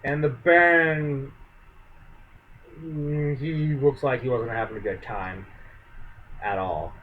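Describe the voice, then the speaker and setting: A man's voice: mid-range voice, slow pace, phone-quality sound, a little hiss or hum. Rambling, swearing male podcast host. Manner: rambling, profane, filler-heavy. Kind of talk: casual storytelling.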